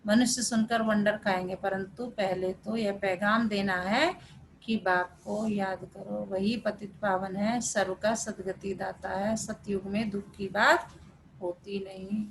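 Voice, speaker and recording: A woman's voice: mid-range voice, fairly even intonation, a little slow, slight background noise, low-quality recording. A woman teaching a spiritual class over a video call, explaining a scripture reading patiently with everyday examples. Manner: explains patiently with everyday examples, code-switching into English words.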